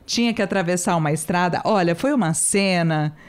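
A woman's voice: fairly low pitch, brisk. A woman hosting a casual conversation, chatty and telling a personal story about her young son.

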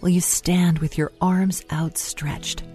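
A woman with a low, mellow voice leads a guided meditation over music. Her delivery is soft and unhurried, with room left between phrases for breathing and prayer. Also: steady tone. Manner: soft, soothing, unhurried delivery with long pauses. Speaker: meditation host.

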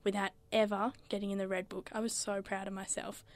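A woman's voice: mid-range voice, little pitch movement, a little fast, no room sound. Chatty young woman storyteller. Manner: chatty storyteller who laughs often. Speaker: podcast co-host. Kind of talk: casual chat.

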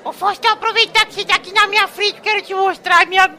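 A man's voice: extremely high pitch, flat delivery, fast talker, sharp tone, a faint crowd, heavily acted. A man voicing a jittery, overexcited young male superfan who gushes and stammers. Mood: panicked. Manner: gushing, stammering, squealing with emotion.

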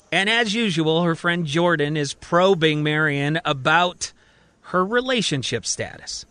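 A man's voice: on the high side, bright, forceful tone, no echo. A man narrating his own audio drama in a conversational, recapping storyteller manner. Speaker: writer and narrator.

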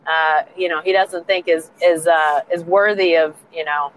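Chatty female panelist, lower voice, faint background noise. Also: steady tone, moderate pace, rough recording. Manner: chatty, repeats herself. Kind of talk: casual postgame analysis.

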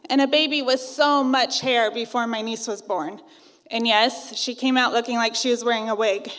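A woman's voice: a little high, fairly bright tone, in a large hall. A woman in her thirties from Iowa, narrating a personal ghost story in a wry, conversational way. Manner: wry, conversational, self-teasing.

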